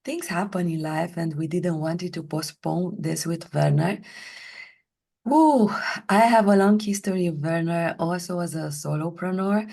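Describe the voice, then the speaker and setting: Woman guest on a podcast, voice gone hoarse, lowish pitch, takes it slow and careful. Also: steady tone, dark tone. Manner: deliberate, slow careful delivery. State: hoarse, voice partly lost. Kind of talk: conversational interview.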